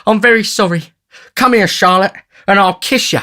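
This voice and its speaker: High, whining tipsy youth. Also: male voice, moderate pace, pushed and bright. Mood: tipsy, self-satisfied. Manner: whining, blubbering when cornered. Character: tipsy, lolling young man, greedy, whining, cowardly. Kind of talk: audiobook character voice.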